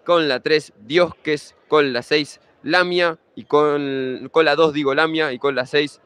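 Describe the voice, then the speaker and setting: A man's voice: fairly high pitch, fairly even intonation, slow pace, fairly bright tone, clear, resonant tone. A young man with an Argentine Spanish accent, giving pre-match futsal commentary in a conversational way, running through league standings and team lineups.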